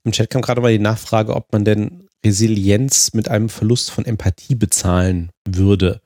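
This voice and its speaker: A man with a low, gravelly voice explains ideas in a relaxed co-host chat. His tone is dark and mellow, full of hesitations and restarts. The sound is dry and close. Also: normal speed, no room sound. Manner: thoughtful, explanatory, many fillers and restarts. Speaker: co-host answering chat questions. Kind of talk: casual podcast discussion.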